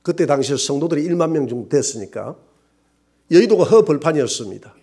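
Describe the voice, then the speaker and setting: A male pastor with a Gyeongsang accent preaches in a church, swinging his fairly high voice up and down with great animation. He leans on rhetorical questions and sudden exclamations. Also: animated, quick pace, warm tone, breathy edge. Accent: Gyeongsang Korean. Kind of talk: sermon. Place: church sanctuary.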